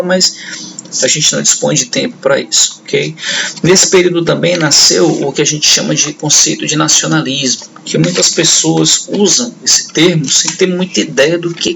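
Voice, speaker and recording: A man's voice: a little high, gravelly, background noise. A man giving a history lecture to students, talking conversationally and checking in with his class often. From northeastern Brazil. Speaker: history teacher.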